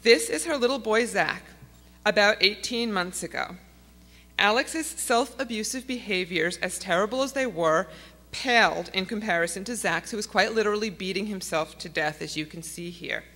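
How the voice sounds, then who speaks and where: A woman's voice: medium pitch, normal speed, a bit bright. A middle-aged woman giving an earnest, pleading speech to an audience in a conference hall. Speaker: conference speaker. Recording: long hall reverb.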